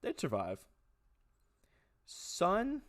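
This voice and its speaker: A man's voice: high voice, huge pitch swings, very slow, a bit bright, no room sound, clean studio sound. A young man in a casual comedy vlog, ranting animatedly with lots of swearing and laughter. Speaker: video creator.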